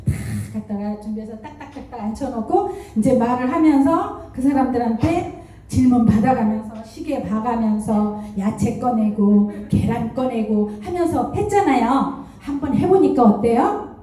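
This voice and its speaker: A woman giving a motivational seminar talk as a network marketing distributor, telling stories with lively rhetorical questions. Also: on the high side, moderate pace. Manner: animated storytelling with rhetorical questions. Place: lecture hall. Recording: echoey hall from far off.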